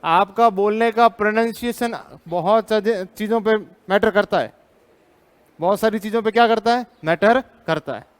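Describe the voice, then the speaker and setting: A man's voice: sits high, normal speed, clear, resonant tone. An Indian man teaching a live class, drilling students with repeated questions, firm and teasing.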